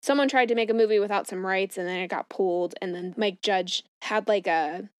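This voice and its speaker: A woman's voice: medium pitch, brisk, smooth, dry recording. A woman co-hosting a casual movie discussion podcast in a chatty, conversational way, recorded up close in a small closet. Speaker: podcast co-host.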